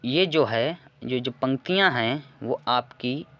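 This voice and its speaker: A male teacher walking students through an exam paper, reading verse lines slowly and repeating key words as he explains. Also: medium pitch, pushed and bright, highs cut off. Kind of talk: exam paper walkthrough lesson.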